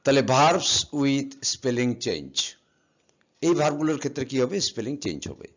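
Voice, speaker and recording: A man's voice: medium pitch, sing-song, normal speed. Guy teaching grammar, voice goes up and down a lot, kinda muffled lo-fi sound. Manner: patient, spells words letter by letter, asks and answers his own questions. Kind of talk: classroom lesson explaining verb forms. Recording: slightly dull, lo-fi sound.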